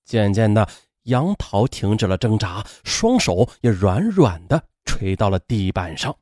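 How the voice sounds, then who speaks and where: A man narrating a true-crime story dramatically, in a colloquial manner with drawn-out particles. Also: no echo, clean studio sound. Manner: animated, acts out women's lines in a high strained voice.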